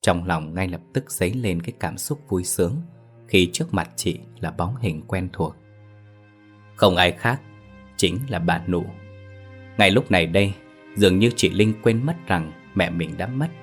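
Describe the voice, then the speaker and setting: This is a man with a very deep voice telling a scripted ghost story, paced and dramatic. Faint music plays under his narration. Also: breathy edge. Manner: measured, dramatic.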